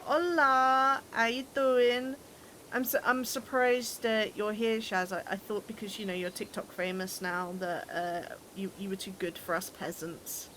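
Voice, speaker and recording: A young British woman streaming a game and talking to her viewers in a relaxed, chatty way. Her voice sits at a middle pitch. A faint hum of background noise lingers under her desk microphone. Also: normal speed, hardly any pauses. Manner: chatty, teasing, laughs often, stumbles and repeats words. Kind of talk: casual chat while gaming, reading chat.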